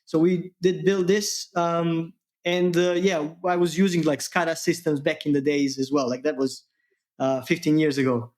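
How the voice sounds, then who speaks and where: Man, slightly high voice. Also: fairly even intonation, darkish tone. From Serbia. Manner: halting, many fillers, laughs easily. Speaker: guest engineer. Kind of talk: casual tech interview.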